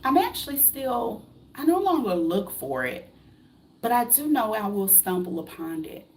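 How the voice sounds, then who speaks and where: Speaking to camera, an American vlogger in her late thirties delivers preachy, blunt motivation peppered with rhetorical questions and casual curses. She has a mid-range voice with big pitch swings and a moderate pace, over a slight hiss or hum.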